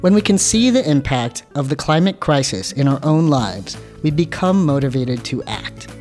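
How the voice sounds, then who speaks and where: Calm male podcast co-host. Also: a little high, normal speed, faint music behind. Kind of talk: scripted intro and interview questions.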